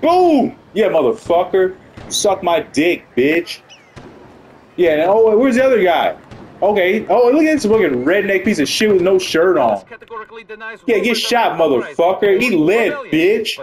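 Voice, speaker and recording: A man giving excitable, profane live commentary while playing a video game. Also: sits high, measured pace, slight background noise, rough recording. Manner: excitable, profane, swings between panic and triumph. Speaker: gaming channel host. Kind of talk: live let's-play commentary.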